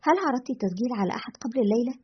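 A weary, cynical male radio host, put on by a woman reading the story speaks in a grim, detached way. The voice is husky and rushes along at a very fast pace, heard through a dull, lo-fi recording. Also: on the high side, lively intonation.

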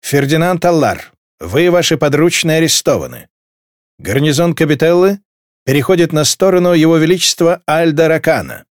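A man's voice: fairly high pitch, lively intonation, normal speed, no echo, clean studio sound, voice pushed up, lightly acted. A man voicing a stern male marshal who gives curt, clipped orders in an audiobook. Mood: commanding.

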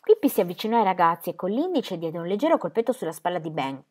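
A woman reading a children's book aloud with expressive storytelling. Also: lowish voice, fast talker. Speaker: reader.

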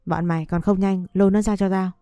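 A woman's voice: medium pitch, fairly even intonation, fast, mellow, clear, resonant tone, no echo, clean studio sound, lightly acted. A woman voicing a cruel older mistress who berates and threatens a servant. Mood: harsh. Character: harsh cruel older mistress, bullying and shouting.

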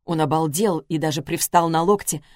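A woman reading a literary story as an audiobook, measured and expressive, close to the mic. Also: sits low, no echo. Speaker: audiobook narrator.

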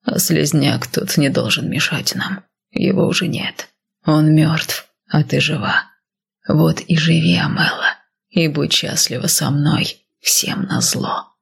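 A woman reading the lines of a possessive, commanding husband in an audiobook, low and half-whispered. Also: slow pace, heavily acted. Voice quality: husky, breathy.

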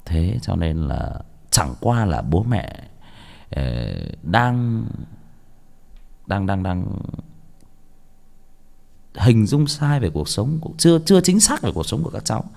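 Young guy, gravelly and low, swings up and down a lot, stumbles over words. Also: very animated, takes it slowly, long pauses, darkish tone. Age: young adult. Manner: casual, stammers and repeats words. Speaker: audiobook reader. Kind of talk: rambling spoken monologue.

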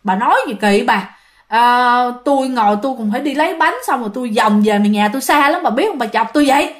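A woman voicing a frightened middle-aged woman cake seller who pleads in hushed, breathless words. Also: on the high side, expressive, fast, natural voice. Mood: puzzled.

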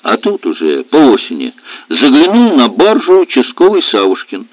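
Male audiobook narrator, measured expressive reading, lively pitch, dry dull sound. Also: dry recording. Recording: dull lo-fi recording.

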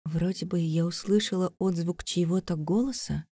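A woman's voice: on the low side, normal speed, dark tone, husky, dry recording. A woman narrating a first-person fantasy audiobook in a tense, breathless, dramatic way.

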